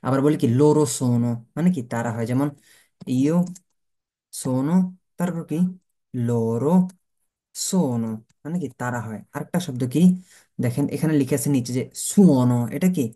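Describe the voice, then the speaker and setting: A man's voice: mid-range voice, moderate pace, dark tone. A man teaching a beginner language lesson, asking rhetorical questions and answering them himself, spelling words out letter by letter.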